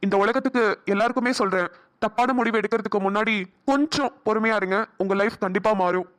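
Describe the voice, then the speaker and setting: Voicing Karthik, a gentle and supportive young man in a cartoon drama, a woman speaks fast in a medium-pitched voice with light acting. Her delivery is soothing, coaxing, and earnest.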